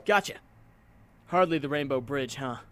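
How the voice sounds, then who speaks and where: A man's voice: mid-range voice, moderate pace, noisy background, natural voice. A man voicing an earnest, self-doubting and wry young superhero in a comic book dub, with theatrical delivery. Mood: wry, breezy.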